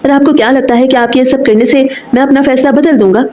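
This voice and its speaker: A commanding young groom from a romance storybook, firm and possessive in every line, read by a woman narrator in a raised, lighter voice. His words come quickly and with authority. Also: high voice, steady tone, darkish tone, reverberant, muffled recording, pitched above the performer's own voice, natural voice. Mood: stern.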